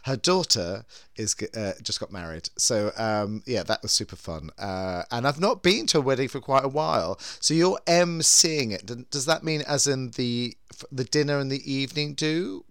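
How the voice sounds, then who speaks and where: A middle-aged British man hosting a casual chat, camp and expressive, rambling as he goes. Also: mid-range voice, normal speed, hardly any pauses, smooth, no room sound, studio quality. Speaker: podcast host.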